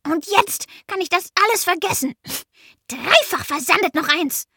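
A woman's voice: high voice, big pitch swings, moderate pace, pushed and bright, no room sound, studio quality, voice pushed up, heavily acted. A woman voicing a small, grumpy, boastful male goblin who curses and brags in a storybook reading. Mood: grumbling, scheming. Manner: cursing, bragging, grumbling.

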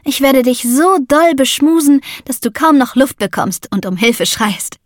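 Brief: woman playing a friendly, teasing girl, bright and affectionate, somewhat high. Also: animated, measured pace, no echo, clean studio sound.

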